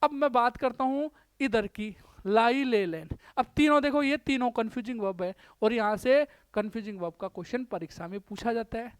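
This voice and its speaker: A man's voice: very high-pitched, fairly quick, clear, resonant tone, no room sound. A man from India with a Rajasthani Hindi accent, teaching English grammar in a classroom-style lecture. He drills verb forms by saying them over and over and talks to his students as brother. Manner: drills word forms aloud by repetition; chatty, addresses students as brother.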